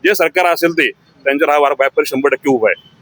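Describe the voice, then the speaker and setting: A man's voice: fairly high pitch, fast, a bit bright, no room sound. A man speaking for local traders in a street interview, in a speechy, declamatory way.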